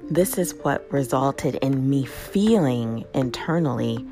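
A woman hosting a casual motivational talk, conversational and lively, often checking in with "right?". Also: a bass voice, takes it slowly, music in the background. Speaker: host.

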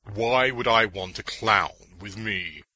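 A man's voice: fairly low pitch, slow pace, pushed and bright, no echo, full character voice. A man voicing a blunt, curt male archer who travels alone. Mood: gruff.

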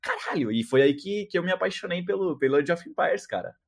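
A man's voice: high-pitched, expressive, fast talker, gravelly. A man from Argentina in his thirties, a native Spanish speaker, chatting casually as an interview guest, full of slang and repeated fillers. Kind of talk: casual chat.

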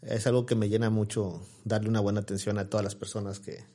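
A man's voice: lowish voice, little pitch movement, quick pace, dark tone. A man, chatting as an interview guest and telling rambling stories full of fillers and restarts. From Mexico, Tamaulipas. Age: 40s. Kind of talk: casual interview chat.

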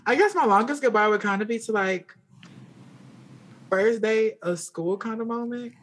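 A woman's voice: fairly high pitch, moderate pace. A woman in her twenties co-hosting a casual podcast from her bedroom, talking in a laid-back, chatty way full of fillers. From American South. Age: 20s. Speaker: podcast co-host. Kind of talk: casual chat. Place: bedroom, remote recording.

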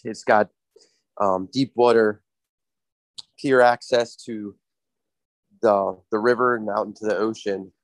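A man who is a guest on a podcast, telling stories in an easygoing, joking way with halting restarts. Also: lowish voice, no room sound, rough recording. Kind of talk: casual podcast chat.

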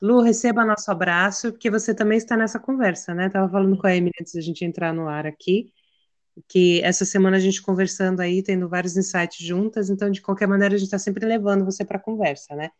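A woman's voice: mid-range voice, fast talker. A woman co-hosting a casual podcast, reflecting aloud and quoting her own words. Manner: reflective, animated storytelling with quoted self-talk. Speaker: podcast co-host. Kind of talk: casual chat.

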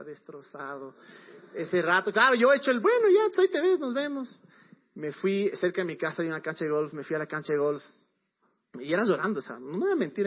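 A young man delivers a casual sermon woven with personal testimony. His voice sits high for a man, and he talks in a relaxed, storytelling way with slang asides. The recording sounds dull and lo-fi. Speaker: preacher.

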